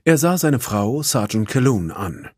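A man narrating a children's storybook in an expressive voice. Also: medium pitch, measured pace, dry recording, studio quality. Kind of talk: storybook reading.

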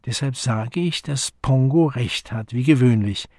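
A man voicing a brisk, questioning young gentleman in a story. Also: mid-range voice, no echo, studio quality.

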